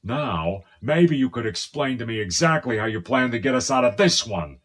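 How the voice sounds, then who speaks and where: A man's voice: mid-range voice, lively intonation, normal speed, natural voice. A man playing a sarcastic exasperated captain. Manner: dry sarcastic. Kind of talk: audio drama acting.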